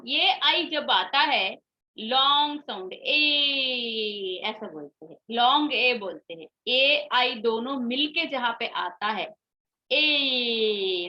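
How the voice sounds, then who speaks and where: Slow, bright-voiced woman teaching phonics. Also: high voice. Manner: slow, drawn-out vowel demonstrations, calls pupils "beta". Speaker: schoolteacher. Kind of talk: online English phonics class. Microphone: video call. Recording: dull lo-fi video-call audio.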